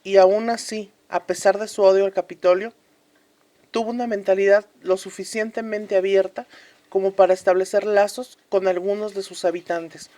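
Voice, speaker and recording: This earnest actress voices a woman commentator looking back on history in a scripted radio drama set in a fictional republic. Her delivery is solemn and emphatic, with deliberately repeated phrases, and her mood is earnest and reflective. She has a medium-pitched, dark, steady, natural-sounding voice.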